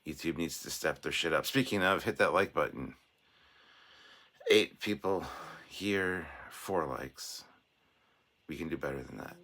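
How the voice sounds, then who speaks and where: Hoarse and cracking from a sore throat, a livestream host with an extremely deep voice reads out viewer messages during a casual stream. He speaks a little slowly, pausing often, and rambles chattily with self-deprecating humor, yet his tone stays forceful and bright.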